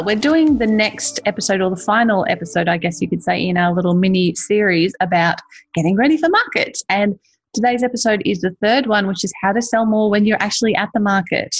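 A woman with a broad Australian accent hosts a casual podcast. Her voice is husky and sits at a middling pitch. She chats informally, like someone at ease behind the mic. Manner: chatty, informal, quick to laugh. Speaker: podcast host.

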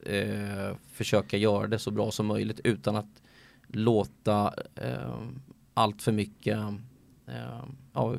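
A sports commentator talking in a casual podcast chat, hesitant and full of filler sounds. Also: male voice, fairly low pitch, vocal fry, no room sound.

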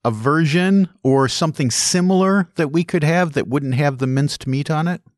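Man, podcast host, slightly higher voice, dry close mic, friendly questions. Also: normal speed, dry recording. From North America. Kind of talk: casual podcast interview.

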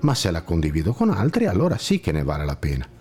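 A man's voice: low voice, wildly swooping pitch, quick pace, a little mellow, faint music behind. A man voicing a weary, anxious blind man who asks plaintive questions while searching for a better place, in a storybook tale.

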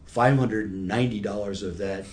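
This man in his sixties has a fairly low voice and a moderate pace. He's an expert guest in an interview, explaining things patiently and conversationally with everyday examples.

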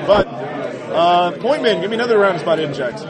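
A man running a tabletop role-playing game as game master, improvising narration haltingly. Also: high-pitched, lively intonation. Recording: loud crowded convention hall chatter.

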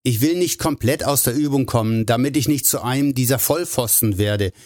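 A man's voice: medium pitch, brisk, darkish tone, close to an everyday voice. A man voicing a tipsy, stubborn male pilot who talks earnestly and a little sulkily. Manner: sulky, earnest.

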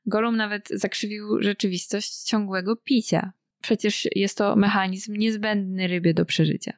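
A woman's voice: mid-range voice, steady tone, moderate pace, no echo, clean studio sound. A woman co-hosting a book discussion podcast, speaking in an analytical, precise way. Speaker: podcast co-host.

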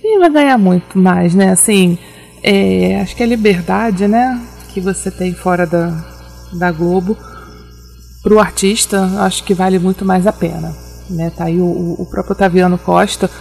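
A woman's voice: on the low side, normal speed, gravelly, a little mellow, faint music behind. A Brazilian woman hosting in a casual, chatty way, informally commenting and often checking that the listener agrees. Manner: chatty, informal, seeks agreement with tag questions. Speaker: show host.

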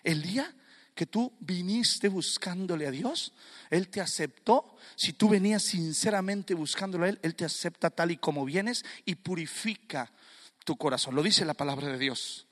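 A man preaching a sermon to a congregation in a fervent manner, rising to loud, emphatic delivery. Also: high voice, normal speed, big-room sound.

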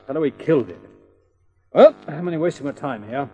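An actor playing a police detective sergeant who questions people curtly and brusquely. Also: male voice, fairly high pitch, expressive, a little fast, dark tone, husky, highs cut off, faint music behind. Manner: curt, brusque. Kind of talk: 1940s radio acting.

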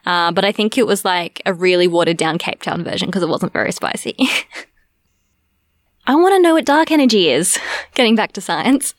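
A woman hosting a podcast, chatting casually and laughing easily, then reading the closing credits in a steady voice. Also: fairly low pitch, moderate pace, no room sound. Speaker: podcast host. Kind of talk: casual chat and scripted outro.

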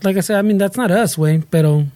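A Mexican American man talks casually in a podcast setting. He keeps switching between English and Spanish slang, with swearing and repeated words. His tone is dark and mellow, captured with very little room sound. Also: high voice, quick pace, no room sound.

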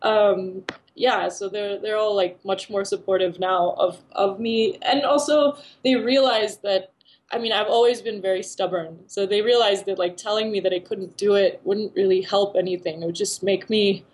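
A woman's voice: medium pitch, steady tone, moderate pace, a little mellow, low-quality recording. A woman in her thirties, born in India and raised back and forth with America, talks about her life as a dancer and teacher. She rambles casually, full of fillers and restarts, with a mid-range voice. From born in India, raised between India and America. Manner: chatty, many fillers and restarts. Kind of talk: casual interview answers.

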